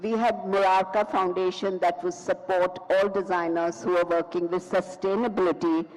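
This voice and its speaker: A woman's voice: fairly low pitch, level tone, normal speed, a little mellow. A woman from India moderating a conference panel, introducing speakers with expansive enthusiasm. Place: conference hall stage. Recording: long reverb of a large hall.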